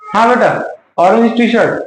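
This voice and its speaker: Soft music plays behind a very high-pitched man speaking at a moderate pace. He's a teacher leading a grammar lesson, quizzing his class with repeated questions, and the classroom has a roomy echo.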